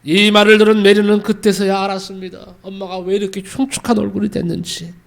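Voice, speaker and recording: A male pastor preaches with fervor, his voice sitting fairly high. He swings between loud, emphatic declarations and quiet, hushed storytelling. He leads the congregation in repeating phrases after him. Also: flat delivery, fast, vocal fry. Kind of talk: sermon.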